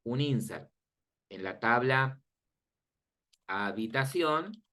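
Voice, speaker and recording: A man's voice: mid-range voice, lively intonation, very slow, sharp tone. A man teaching a class, explaining step by step and often checking that the students follow, in an informal, friendly manner. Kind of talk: classroom lecture on databases.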